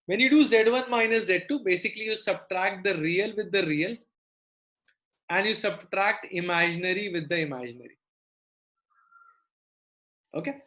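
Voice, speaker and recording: A woman's voice: medium pitch, moderate pace, long pauses, fairly bright tone. South Indian woman teaching maths. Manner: repeats phrases, checks in with students often. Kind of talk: live online lesson, explaining and prompting students.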